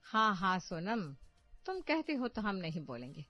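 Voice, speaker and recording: Woman doing a sharp-tongued village wife. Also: medium pitch, sing-song, no echo. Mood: taunting. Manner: quick retorts, folksy rural speech. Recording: muffled, faint background music.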